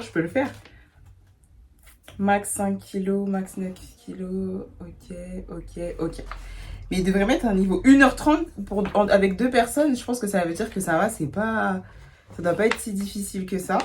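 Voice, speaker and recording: A woman's voice: mid-range voice, a little mellow, slight background noise, low-quality recording. Chatty young woman vlogging at home. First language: not English. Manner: chatty, self-mocking, slangy asides. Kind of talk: casual vlog chat. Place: bedroom at home.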